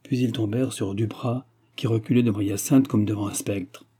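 A man reading a classic novel aloud in a measured, even narration. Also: fairly low pitch, husky. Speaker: audiobook reader. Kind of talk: scripted narration.

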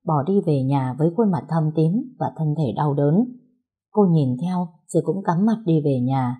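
A woman reading a story aloud as its narrator in a steady, even way. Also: low voice, husky.

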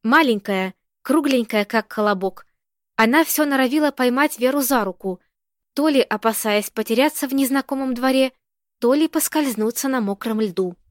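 A woman reading a novel aloud as narrator in an even, steady manner. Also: fairly high pitch, moderate pace, no echo, clean studio sound. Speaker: audiobook narrator. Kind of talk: scripted narration.

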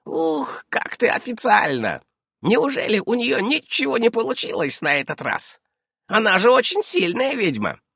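A man voicing a fussy, brisk old female witch who keeps darting from question to question in an audiobook. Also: huge pitch swings, creaky, sharp tone, husky, no echo, clean studio sound, exaggerated voice. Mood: brisk, prying. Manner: shrill, darting, interrupting. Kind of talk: audiobook character voice.

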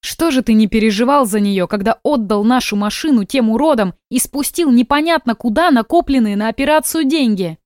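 A woman's voice: a little high, a little fast, few pauses, no echo, clean studio sound, lightly acted. A woman reading a tired, defiant young wife who speaks sharply and indignantly, in an audiobook. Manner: weary, then sharp and indignant.

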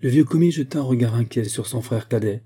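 A man narrating a classic novel as an audiobook reader, in a measured, even storytelling manner. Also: medium pitch, slightly rough.

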